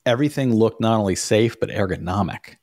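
Speaking fairly quickly in a lowish, slightly mellow voice with no echo, a forties-aged podcast co-host chats casually and drops wry jokes. He records at home, in a room with a door and framed picture, on a pop-filtered studio mic.

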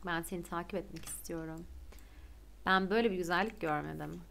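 A young woman streaming a life-sim game, chatting excitedly and gushing to her viewers. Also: on the low side, fairly quick, gravelly, a crowd in the background. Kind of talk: casual gameplay commentary.

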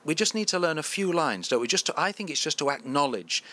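A man's voice: on the high side, lively intonation, fast, pushed and bright. A man hosting a podcast, interviewing in a chatty, conversational way and affirming often. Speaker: podcast host.

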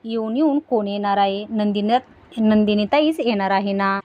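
A woman's voice: medium pitch, normal speed, no room sound, muffled recording, lightly acted. Woman reading as a bitter, jealous young woman. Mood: bitter taunting. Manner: bitter, taunting retelling.

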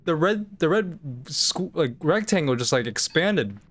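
A woman's voice: low-pitched, sing-song, a little slow. A woman hosting a gaming channel, giving casual, sarcastic and bemused commentary and laughing often.

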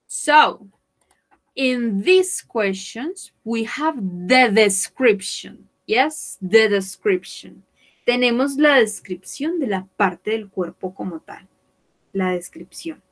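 Slow, careful woman teaching English. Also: a little high, a bit bright, rough recording. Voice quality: slow, careful explaining with repetition. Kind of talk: bilingual online English lesson.

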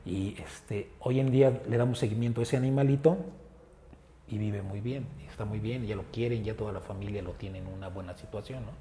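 Earnest Mexican man, mellow and roomy. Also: fairly low pitch, fairly quick, a little hiss or hum. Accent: Mexican Spanish. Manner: earnest, with frequent filler words. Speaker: animal rescue group founder. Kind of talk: casual interview talk. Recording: roomy echo with faint ambience.

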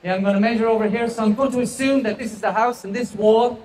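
Speaking fast in a high-pitched yet darkish voice with a steady tone, a middle-aged man with an Irish accent from the west of Ireland runs a live product demo in a large trade show hall. He's chatty and self-deprecating on his handheld microphone, and there's a little hiss or hum.

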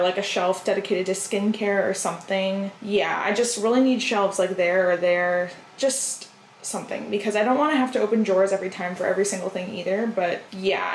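A woman's voice: mid-range voice, a little hiss or hum. A young woman in her twenties chatting casually in a home vlog, rambling with lots of "like" and "um.". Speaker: lifestyle vlogger. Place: home kitchen and bathroom. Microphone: on-camera mic.

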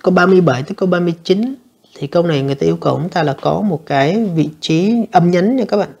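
A woman teacher, going through an English exam answer by answer and reading the English lines slowly. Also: lowish voice, creaky, darkish tone, husky, highs cut off. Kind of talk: exam review lesson.

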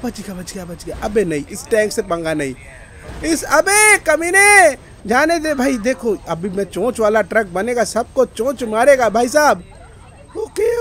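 Young male gaming streamer, very high voice, frantic repetitive outbursts during play. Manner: loud frantic outbursts, repeating phrases. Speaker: gaming YouTuber. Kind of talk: excited Hindi gameplay commentary.

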